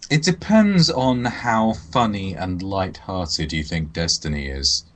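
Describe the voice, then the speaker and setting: A man's voice: deep voice, animated, slow. A man, co-hosting a casual podcast chat with dry, sardonic riffs. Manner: wry, sardonic riffing. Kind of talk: casual chat about games.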